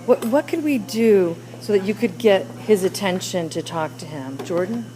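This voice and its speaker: A woman's voice: mid-range voice, lively intonation, normal speed, crowd noise, poor audio. A woman teacher leading a classroom discussion with children, coaxing them with question after question.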